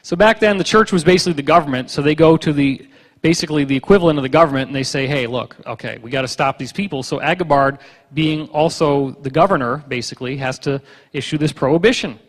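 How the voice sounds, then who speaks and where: Man, conference lecture, joking animated storyteller, higher voice, long hall reverb. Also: quick pace. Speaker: conference speaker.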